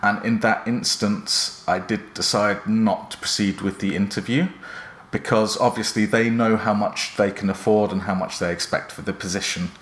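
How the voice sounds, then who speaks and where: A man presenting instructional career advice in a measured, earnest, explanatory manner. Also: on the low side, steady tone, a bit bright. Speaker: presenter giving job interview advice. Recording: roomy echo around the voice.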